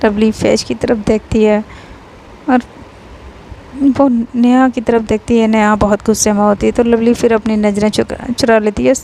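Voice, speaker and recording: High-voiced woman casually telling a story. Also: little pitch movement, gravelly, dark tone, slight background noise, rough recording. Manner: plain, unhurried retelling with pauses.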